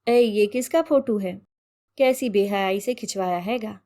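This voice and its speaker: A strict, old-fashioned mother-in-law from the village, as a woman narrator puts her on. She scolds and fusses in homely rustic phrases, her voice set at a middling pitch. It suits a read-aloud storybook. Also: measured pace, mellow, lightly acted. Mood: scandalized.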